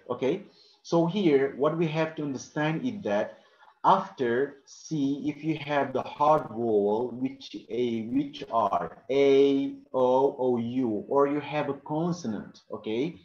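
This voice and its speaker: The recording, roomy and dull, catches a male English teacher at a classroom board running a pronunciation lesson. His medium-pitched voice is darkish, and he says each example word twice, checking "okay?" after each point.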